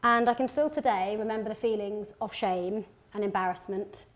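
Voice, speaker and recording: A woman in her thirties from Birmingham, England, who founded a company, chats casually while cooking in her home kitchen, her talk full of fillers and restarts. Her voice is medium-pitched at a moderate pace, with a little hiss or hum in the background.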